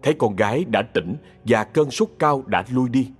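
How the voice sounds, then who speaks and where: A man narrating a ghost story in a measured, scripted storytelling manner. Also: medium pitch, lively intonation, soft background music. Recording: long reverb.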